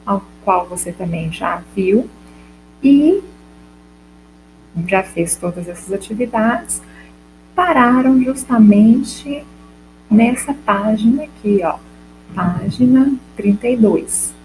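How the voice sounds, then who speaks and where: A woman's voice: mid-range voice, animated, slow pace, pauses often, darkish tone, faint music behind, low-quality recording. A Brazilian Portuguese-speaking woman teacher giving a recorded class lesson, explaining step by step and asking the class questions she then answers herself. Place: classroom or home for a school video lesson.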